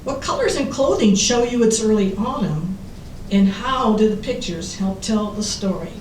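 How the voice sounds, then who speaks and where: A woman's voice: expressive, moderate pace, darkish tone. An American woman giving a prepared presentation to an audience as a children's author. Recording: roomy, distant mic, faint rumbling noise.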